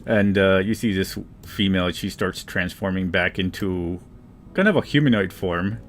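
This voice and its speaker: A man narrating as game master in a relaxed, hesitant way with frequent fillers. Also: sits low, normal speed, slight background noise.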